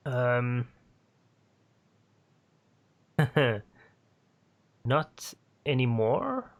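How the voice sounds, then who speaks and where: A man's voice: mid-range voice, big pitch swings. A man narrating a tabletop role-playing game as game master, hesitant and full of fillers. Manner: slow and hesitant, many fillers.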